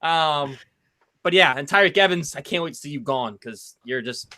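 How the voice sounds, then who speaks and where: Hyped-up man with a bright voice. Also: fairly high pitch, normal speed. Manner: excitable and loud. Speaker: co-host. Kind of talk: casual sports chat.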